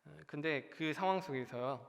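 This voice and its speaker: With a fairly high, creaky voice at normal speed, a young man serving as junior pastor preaches earnestly, frequently addressing the congregation and rising to emphatic peaks. The sanctuary gives the recording a long church hall reverb.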